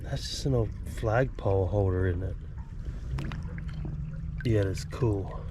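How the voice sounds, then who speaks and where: A creek-exploring vlogger from Alabama wades through a city creek outdoors, narrating casually in a Southern accent with a stuffed-up nose. He rambles in a folksy, self-amused way, his voice lowish and slow, with background noise around him.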